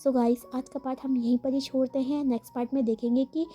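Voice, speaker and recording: A woman's voice: high voice, flat delivery, fast talker, dark tone, slightly rough. A woman casually narrating a fan fiction story, rambling with lots of fillers and English words mixed in. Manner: rambling, frequent fillers, mixes English words into her speech. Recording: faint music behind the voice.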